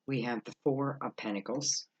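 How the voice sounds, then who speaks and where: A man giving an unscripted, mystical horoscope tarot reading, musing aloud with halting pauses and rhetorical questions. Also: mid-range voice, steady tone, breathy edge, poor audio. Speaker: tarot card reader.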